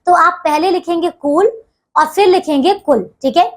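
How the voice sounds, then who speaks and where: A woman's voice: very high voice, a little fast. A young woman teacher patiently explaining a grammar lesson to children, often checking in with them as she goes. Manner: patient, repeats "dekhiye" and "theek hai" often. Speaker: school teacher.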